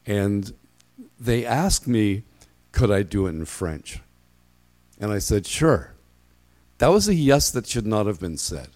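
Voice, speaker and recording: A middle-aged man preaching in a conversational way, telling personal stories with halting, self-deprecating delivery. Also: on the low side, very animated, a little mellow. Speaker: pastor giving a sermon. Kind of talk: conversational sermon with personal anecdotes.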